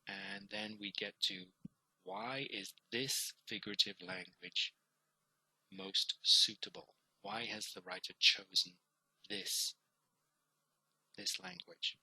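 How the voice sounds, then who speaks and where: A man's voice: sits low, slow pace, long pauses, sharp tone, slightly rough, no echo, rough recording. A man teacher giving a recorded online lesson, explaining step by step with fillers and repeated words.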